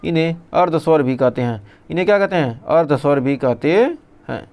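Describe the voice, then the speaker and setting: Man, teacher, exam revision lesson, smooth clear voice, slightly high, question-and-answer drilling. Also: moderate pace, a little mellow. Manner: drills lists aloud, asks and answers his own questions.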